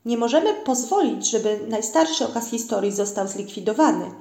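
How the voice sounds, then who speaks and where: A woman's voice: a little high, lively intonation, fairly quick, mellow. A woman voicing an earnest, determined father addressing forest animals in a storybook reading, in a roomy-sounding recording. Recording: roomy echo.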